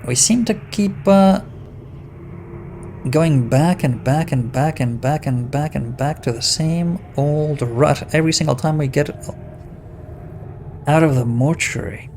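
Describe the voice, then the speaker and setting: A man's voice: fairly high pitch, unhurried, pauses often, darkish tone, slight background noise. A man giving casual game commentary, thinking aloud and reading text from the screen. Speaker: let's-play host.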